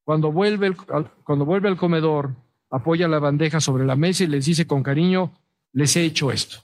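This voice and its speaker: A man's voice: a little high, normal speed, darkish tone. Earnest pleading male preacher. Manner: pleading, earnest appeals with repetition; storytelling with frequent "eh" fillers. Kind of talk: evangelistic sermon.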